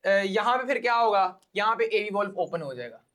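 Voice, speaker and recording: A man's voice: sits high, lively intonation, fairly quick, fairly bright tone. A man with a Pakistani accent giving a casual biology lecture to exam students, explaining step by step, repeating key points and checking that they follow.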